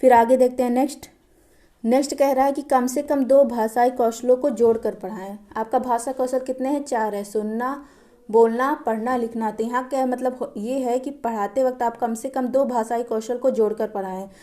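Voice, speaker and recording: Mellow woman quizzing and answering herself. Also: a little high, fairly even intonation, normal speed. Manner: asks questions and answers them herself, repeats key terms. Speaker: teacher. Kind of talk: exam-prep lecture.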